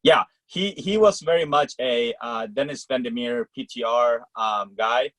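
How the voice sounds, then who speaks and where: A man's voice: medium pitch, fairly bright tone, no echo, low-quality recording. A man from Malaysia, a college tennis coach, answering interview questions casually with lots of fillers over a video call. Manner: talks in quick rambling clauses with many fillers.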